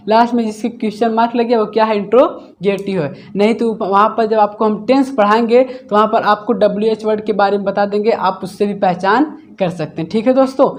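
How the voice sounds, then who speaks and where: A man's voice: high-pitched, a little mellow. Man teaching with self-answered questions. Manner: asks himself questions and answers them, repeating key words; slows to dictate example words one at a time. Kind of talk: classroom-style grammar lesson.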